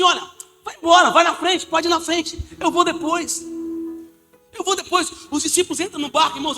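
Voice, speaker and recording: Brazilian male pastor, very high voice, lively jokey sermon, acts out his stories, faint music underneath. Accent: Brazilian Portuguese. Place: church.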